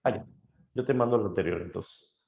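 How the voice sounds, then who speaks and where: A lower-pitched man teaching literature, telling a story with animated retellings and voiced quotes. The sound is muffled and lo-fi, with the roomy echo of a small class space. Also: a little fast, vocal fry. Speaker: literature tutor.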